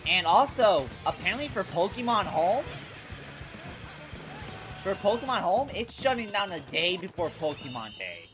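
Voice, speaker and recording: This gaming livestream host sounds congested, speaking at a moderate pace in a mid-range voice with big pitch swings. Music plays behind the casual, slangy, sweary chat, which often loops back to repeat or restart phrases.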